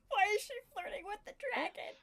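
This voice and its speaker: A woman's voice: very high-pitched, expressive, brisk, crowd noise. A woman making casual, playful side remarks as a player in a tabletop game.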